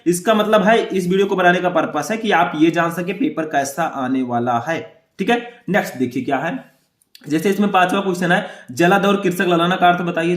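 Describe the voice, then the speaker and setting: A young man teaches exam prep, taking students through each question step by step. His voice sits fairly high. The sound bounces around an echoey room. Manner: explains step by step, reads passages slowly aloud.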